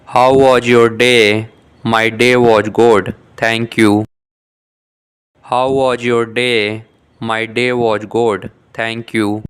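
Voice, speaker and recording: Scripted beginner dialogues for shadowing practice are read by a man with a mid-range voice who sounds unhurried, crisp, careful and even-toned. He repeats each short question-and-answer exchange twice in a measured, carefully articulated manner.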